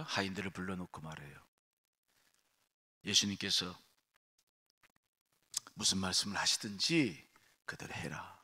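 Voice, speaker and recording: A man preaching a sermon as senior pastor at an early-morning prayer service. He talks emphatically, swings from quiet asides to shouting, and asks the congregation rhetorical questions. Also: deep voice, husky.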